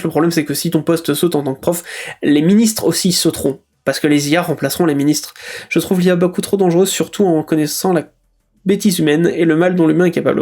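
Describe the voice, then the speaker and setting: On a live stream, a man with a slightly mellow voice on the high side reads chat messages aloud and muses over them casually. He thinks aloud hesitantly, with lots of "euh" fillers and restarts.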